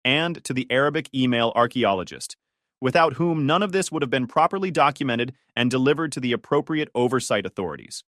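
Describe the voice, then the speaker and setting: A wry male friend delivers a dry, mock-formal toast, as a narrator reads his lines. The voice stays close to an ordinary middle pitch, with nothing added to the sound. The sound is close and dry. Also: expressive, a little fast, fairly bright tone, dry recording, natural voice.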